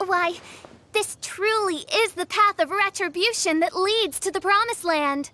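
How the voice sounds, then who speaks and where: Pompous, high-voiced young dark princess. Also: female voice, measured pace, heavy background noise. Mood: grand, solemn. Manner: pompous, archaic, dramatic declaiming. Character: grandiose theatrical young princess of darkness. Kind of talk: video game voice acting. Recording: faint music behind the voice.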